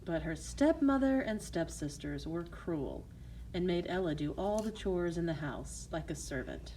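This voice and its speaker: Animated woman telling a fairy tale. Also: lowish voice, a little slow, slight background noise, low-quality recording. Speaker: storyteller. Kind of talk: fairy tale storytelling narration.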